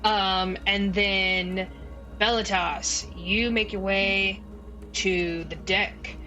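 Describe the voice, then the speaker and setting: A woman narrating a tabletop game as game master in a casual, halting, conversational improvised style. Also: mid-range voice, fairly even intonation, pushed and bright, lo-fi sound, soft background music.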